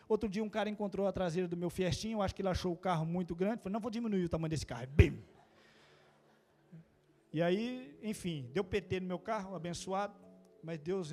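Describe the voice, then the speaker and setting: High-voiced Brazilian pastor preaching. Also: male voice. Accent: Brazilian Portuguese. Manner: swings between quiet asides and loud, rising exclamations; storytelling with playful quoted voices and sound effects. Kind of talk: casual, humorous sermon.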